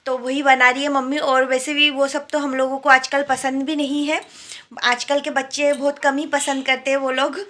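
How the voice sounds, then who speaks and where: A young Indian woman, a new mother, talks casually in a home vlog, explaining what she holds up to her phone camera. Her voice is high, pushed and bright, and she chats away as she shows things indoors.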